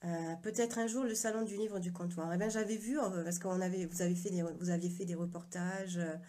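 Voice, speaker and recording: A woman's voice: fairly low pitch, steady tone, fairly quick, dark tone. A woman author chatting on a live video stream from her phone, hesitant and full of fillers, with an unusual accent she calls her own. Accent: unusual accent, self-described. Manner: hesitant, many fillers and restarts. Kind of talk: casual live video chat.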